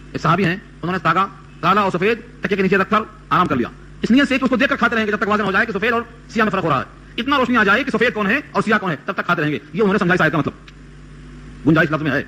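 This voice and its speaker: A man's voice: high-pitched, sharp tone, a little hiss or hum. A man giving a Quran commentary sermon, explaining step by step and quoting Arabic verses. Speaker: Quran teacher.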